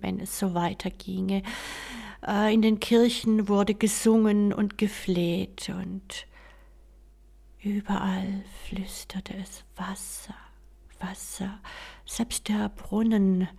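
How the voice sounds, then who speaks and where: A woman whispers a fairy tale as a soft bedtime story. Her pace is very slow, with a gravelly texture in her voice. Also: mid-range voice.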